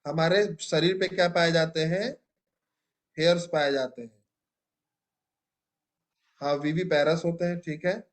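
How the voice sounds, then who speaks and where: A man's voice: a little high, steady tone, measured pace, pauses often. A young man teaching a biology class, asking students questions and praising their answers. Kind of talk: classroom lecture.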